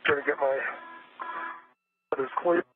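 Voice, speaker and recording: A man working as an astronaut on a spacewalk, giving terse, calm radio calls over a crackly, breaking-up space-to-ground link. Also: medium pitch, unhurried, music in the background. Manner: terse, calm call-and-response. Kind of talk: clipped radio procedure talk. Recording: noisy narrow-band space radio.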